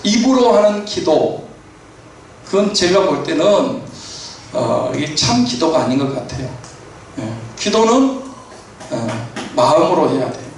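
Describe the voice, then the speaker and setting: A man's voice: fairly high pitch, very animated, unhurried, long pauses, slight background noise. A man preaching a sermon as pastor in a church, in a conversational way with many fillers and affirmations. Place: church sanctuary. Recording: echoey church hall from far off.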